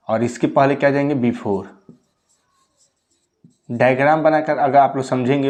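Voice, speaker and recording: A man's voice: mid-range voice, darkish tone. Young male maths teacher. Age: 20s. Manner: repeats points with frequent "ठीक है" check-ins. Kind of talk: explaining exam maths problems.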